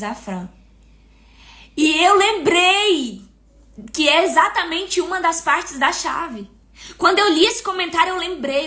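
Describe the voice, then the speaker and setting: A woman with a Brazilian accent teaches faith with a high, bright voice. She speaks with feeling and stretches out key words one by one for emphasis. Her delivery is earnest and warm with conviction. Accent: Brazilian Portuguese. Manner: emotional, emphatic, slows down to stress key words. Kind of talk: devotional teaching.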